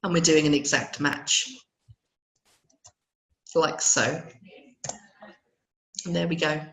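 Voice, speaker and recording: A woman with a croaky voice, unwell, running a live spreadsheet webinar and explaining formulas step by step. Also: low voice, steady tone, slow pace, echoey room, low-quality recording. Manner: explains step by step, reads out attendee questions. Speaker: Excel trainer.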